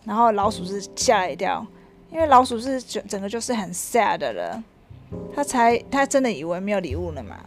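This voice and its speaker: A mother reading a picture book aloud to her child, lively and stopping to ask questions. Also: mid-range voice, fairly quick, soft background music.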